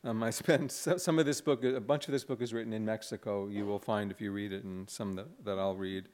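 A man giving a live reading of his own poetry, speaking in a measured, deliberate way. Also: lowish voice, steady tone, a little mellow. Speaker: poet reading from own book.

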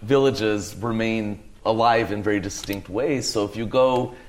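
A man speaking on a panel as an English professor, deliberate, often repeating words as he searches for the right phrasing. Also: on the low side. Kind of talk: panel discussion talk.

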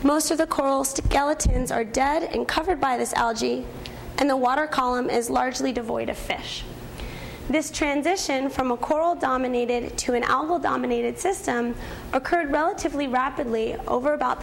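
A young adult woman with a high-pitched, hoarse, croaky frog-like voice, partly gone from overuse, gives a scientific presentation as a graduate researcher. Slight background noise can be heard.

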